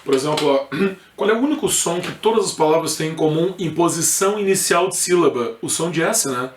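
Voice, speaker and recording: A man's voice: on the high side, lively intonation, a little fast, slight background noise. A man with a southern Brazilian accent from Rio Grande do Sul, teaching an informal exam review lesson and often checking in with his students. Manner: informal, peppered with checks like "correto?" and "tá?". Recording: echoey room.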